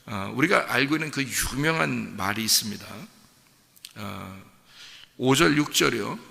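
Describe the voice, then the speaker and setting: Male pastor, very gravelly and forceful voice, chatty sermon full of questions to the pews, long church-hall reverb. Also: medium pitch, animated, normal speed. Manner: conversational preaching with many rhetorical questions to the congregation; acts out a parent's voice in quotes. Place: church sanctuary.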